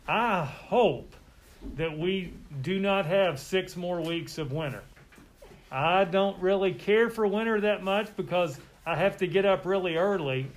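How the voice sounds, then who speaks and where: A man chats as a guest in an interview. His voice sits a little higher than average and his delivery is conversational. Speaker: podcast guest.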